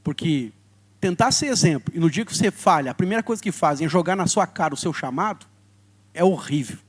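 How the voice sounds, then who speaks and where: A Brazilian man, a pastor in his thirties, preaching a sermon and telling a personal story, swinging between loud stretches and soft ones. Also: fairly high pitch, expressive, brisk, husky. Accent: Brazilian Portuguese.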